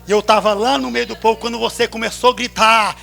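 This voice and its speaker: A Brazilian man preaching a sermon at a church service, swinging from hushed storytelling to drawn-out shouts. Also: high voice, fairly even intonation, gravelly, faint music behind. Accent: Brazilian Portuguese.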